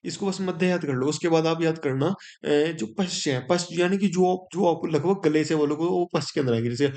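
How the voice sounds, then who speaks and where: A man's voice: on the high side, brisk, a little mellow. Man teaching an exam-prep grammar lesson. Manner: explains step by step, often checks with "ठीक है?".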